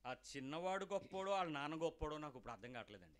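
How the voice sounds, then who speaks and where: A man's voice: fairly high pitch, sing-song, racing, a bit bright. A middle-aged man, preaching a sermon and firing emphatic rhetorical questions at his listeners. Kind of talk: Telugu sermon.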